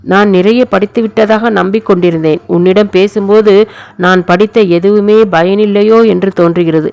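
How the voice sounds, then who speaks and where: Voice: mid-range voice, steady tone, normal speed, gravelly, darkish tone, close to an everyday voice. A storyteller reading the lines of a bookish young male research student who sounds rueful and unsure of himself. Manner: rueful, self-doubting.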